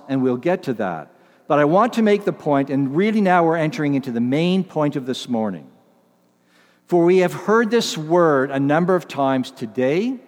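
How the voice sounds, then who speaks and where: Male pastor, earnest, rhetorical; slightly high voice, recorded with long hall reverb. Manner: earnest, repeats key phrases, asks rhetorical questions. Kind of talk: expository sermon.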